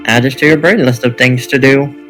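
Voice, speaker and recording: Man voicing cryptic guide figure, calm, measured, mid-pitched, game music behind. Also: close to an everyday voice. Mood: calm, guiding. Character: mysterious helpful guide Loop, calm and cryptic. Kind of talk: reading game dialogue aloud.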